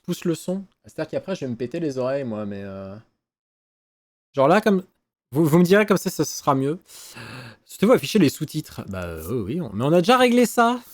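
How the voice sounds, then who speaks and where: A man streaming a video game, chatting casually and excitedly, swearing and thinking out loud. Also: a little high, fairly quick, no room sound. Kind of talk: casual let's-play commentary. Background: faint game music.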